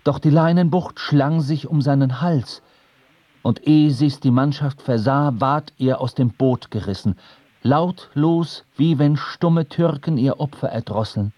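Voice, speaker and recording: A man narrating a radio play as a solemn sailor, the lone survivor, in a measured storytelling manner. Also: mid-range voice, darkish tone, no echo.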